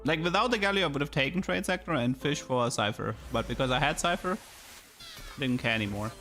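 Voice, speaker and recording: A man's voice: mid-range voice, animated, fast, pushed and bright. A man from Germany speaking English with a German accent, casually chatting and thinking aloud as he streams a game, often repeating words. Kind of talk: casual live gameplay commentary and chat. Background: music.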